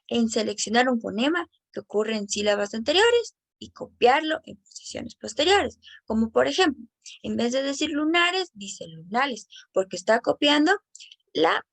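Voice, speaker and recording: A woman reads an educational presentation in a careful, explanatory way. Her voice sits a little high with a gravelly, creaky texture. The recording is close and dry, with no room sound. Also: no room sound. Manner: careful, explanatory, slows down on example words.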